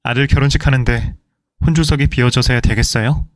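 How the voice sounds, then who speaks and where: A man's voice: medium pitch, fairly even intonation, brisk, no echo, close to an everyday voice. A man playing a young groom who speaks curtly and coldly dismissive to an older woman. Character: cold, insolent young groom.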